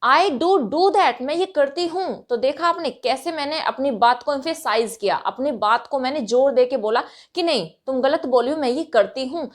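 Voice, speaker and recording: A woman's voice: sits high, normal speed, few pauses. A woman teaching a grammar lesson, explaining patiently and stressing words when she acts out emphatic replies. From India. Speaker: English teacher.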